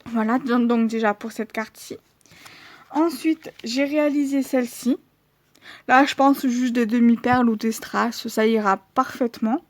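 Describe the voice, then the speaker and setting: A woman's voice: fairly high pitch, steady tone, normal speed, no echo. A woman vlogger showing her handmade cards in a casual, hesitant way, with many fillers. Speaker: crafting vlogger.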